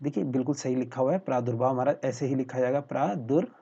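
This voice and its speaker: A male teacher with a husky, darkish voice walks viewers through spelling, breaking words into syllables and checking in after nearly every phrase. He poses a question to the class, then answers it himself in a steady classroom way. The recording is dull and slightly lo-fi. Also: mid-range voice, fast. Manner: repeats "ठीक है" constantly, spells words out syllable by syllable; talks to viewers as friends, asks questions then answers them. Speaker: exam prep teacher. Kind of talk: spelling lesson over slides. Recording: dull lo-fi voice-over.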